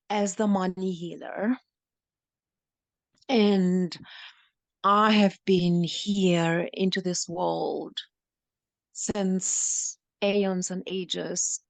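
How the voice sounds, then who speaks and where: A woman with a mid-range, creaky voice slowly guides a meditation, speaking as a channeled ancient money healer. Her phrasing is halting and deliberate, with repeated lines, and there's no echo in this guided meditation and channeling monologue.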